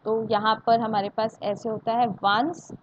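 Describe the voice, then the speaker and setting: Higher-pitched Indian woman teaching maths online. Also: fairly even intonation, measured pace. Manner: repeats points and asks students check questions, mixing Hindi and English. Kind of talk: live online class teaching. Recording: dull lo-fi audio with faint hiss.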